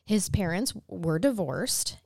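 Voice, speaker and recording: A woman with a sleepy early-morning voice that still moves through lively swings of pitch. She chats casually as a true crime podcast co-host, wry and self-deprecating, in a dry, close recording. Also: takes it slowly, dry recording.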